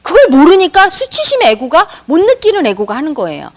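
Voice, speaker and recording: A woman's voice: high-pitched, wildly swooping pitch, brisk. A middle-aged woman giving a spiritual lecture as a meditation teacher, emphatic, asking rhetorical questions and acting out quotes.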